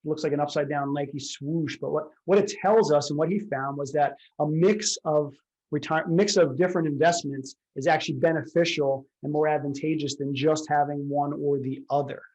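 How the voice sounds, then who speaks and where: A man's voice: fairly high pitch, steady tone, moderate pace, a little mellow, rough recording. A man working as a retirement advisor, explaining a lecture slide by slide in a conversational way, full of fillers and rhetorical questions.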